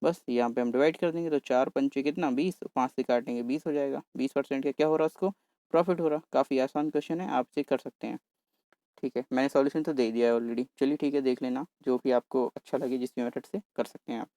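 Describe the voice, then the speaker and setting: A man teaching exam maths in a brisk, chatty way, talking fast on purpose and coaxing his viewers along. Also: mid-range voice, fairly even intonation, mellow, dry recording. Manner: brisk, talks fast on purpose to cover the paper. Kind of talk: solving exam paper on screen.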